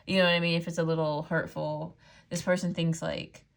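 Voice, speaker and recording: A woman's voice: on the low side, flat delivery, moderate pace, gravelly. A woman giving a casual tarot reading straight to her viewers, chatty and loose, full of "like" and "um". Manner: chatty, frequent "like" and "um", laughs easily. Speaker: tarot reader.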